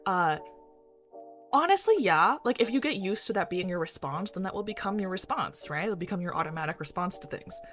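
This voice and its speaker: Woman streamer rambling in circles, laughing a lot, voice jumping all over, soft music behind. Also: fairly low pitch, lively intonation, brisk. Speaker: psychiatrist and streamer. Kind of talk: casual live-stream chat. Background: faint background music.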